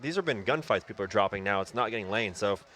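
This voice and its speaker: A man commentates on a paintball match, and the words tumble out fast and excitable. His voice sits a little low, with faint outdoor noise behind him.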